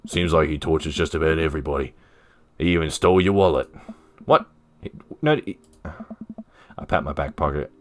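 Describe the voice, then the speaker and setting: Very deep-voiced man reading a dating sim. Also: animated. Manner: playful, jokey, does quick character voices. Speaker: streamer playing a dating sim. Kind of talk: reading game dialogue aloud with commentary.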